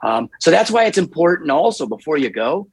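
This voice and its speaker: A man's voice: fairly high pitch, very animated, brisk, slightly rough, dry recording. A man, a guest on an interview show, rambling through a personal story with frequent restarts and growing animation. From United States.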